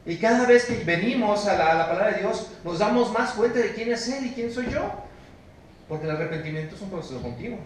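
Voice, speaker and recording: A man with a Mexican Spanish accent preaching a sermon as pastor, emphatic, moving between loud exhortation and low, hushed stress while questioning his congregation. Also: animated, fairly quick, slight background noise. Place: church sanctuary. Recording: very echoey church recorded from a distance.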